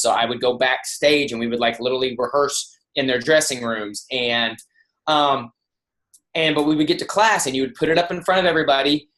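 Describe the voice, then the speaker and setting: A man giving a motivational talk on a team kickoff call. He tells conversational stories, with frequent restarts and lively quoted voices. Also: medium pitch. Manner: conversational, with restarts and animated quoting. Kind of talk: motivational storytelling.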